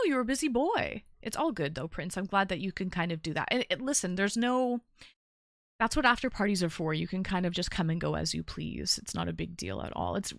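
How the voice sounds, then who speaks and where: Animated, bright-voiced woman livestreamer. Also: medium pitch, no room sound, clean studio sound. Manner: playful, chatty, addressing viewers directly. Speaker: live streamer. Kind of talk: casual livestream chat with viewers.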